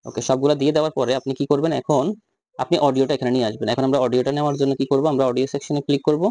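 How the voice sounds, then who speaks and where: A man talking through a software tutorial step by step, asking himself questions and answering them. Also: medium pitch, steady tone, very fast, no echo. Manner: repetitive step-by-step instructions, rhetorical questions. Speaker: tutorial host. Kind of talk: screen-recorded software tutorial.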